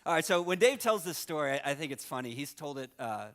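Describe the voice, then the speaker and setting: Co-presenter, man with a slightly high voice, playful teasing banter, on a seminar stage. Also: expressive, quick pace, a bit bright. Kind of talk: live talk on stage.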